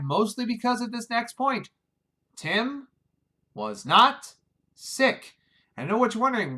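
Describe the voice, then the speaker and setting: A man's voice: high voice, pushed and bright. A man giving a casual video review of a film, wry and exasperated, often restarting his sentences. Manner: wry, exasperated, talks over himself with restarts.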